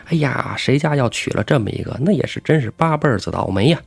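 Brief: gossipy, quick-tempered mother, put on by a male narrator. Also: medium pitch, lively intonation, gravelly, slightly rough, pitched above the performer's own voice. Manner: chatty, scolding.

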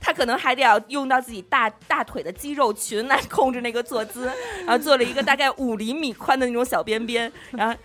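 A woman co-hosting a podcast, telling stories in casual chat, animated and laughing often as she acts out quotes. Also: on the high side, fast, few pauses. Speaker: podcast co-host.

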